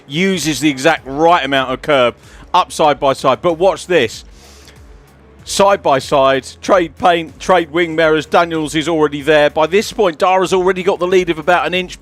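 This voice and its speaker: Co-commentator, man, conversational, excitable on replays, light music under. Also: fairly high pitch. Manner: chatty, excited over replays. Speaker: race co-commentator. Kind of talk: motorsport commentary.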